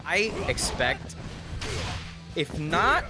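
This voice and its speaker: A man doing casual live fighting game commentary in an excitable, slangy, halting way, with game music behind him. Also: on the high side. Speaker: tournament commentator.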